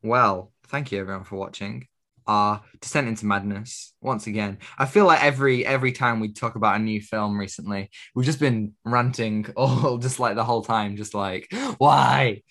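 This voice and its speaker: A man's voice: fairly low pitch, moderate pace, fairly bright tone. A young man, co-hosting a film podcast in a rambling, self-correcting way. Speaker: podcast co-host. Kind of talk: casual chat.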